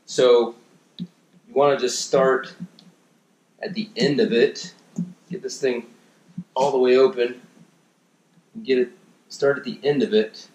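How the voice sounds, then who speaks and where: A man in his thirties giving a relaxed how-to demonstration in his home gym, with lots of fillers as he works with his hands, recorded by a camera a few feet away. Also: medium pitch, takes it slowly, long pauses. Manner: relaxed instructional, many fillers and restarts; working with his hands while talking. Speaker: fitness coach. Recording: echoey room.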